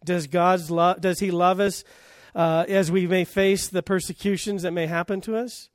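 A man's voice: high voice, fairly even intonation, normal speed, no room sound, clean studio sound. A man preaching a sermon as pastor, emphatic and full of rhetorical questions, his volume rising and falling.

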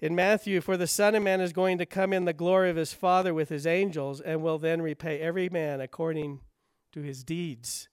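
A male pastor preaching a sermon, driving home rhetorical questions with emphasis, then dropping low and quiet. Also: steady tone, fairly quick, hardly any pauses, smooth, dry recording, clean studio sound.

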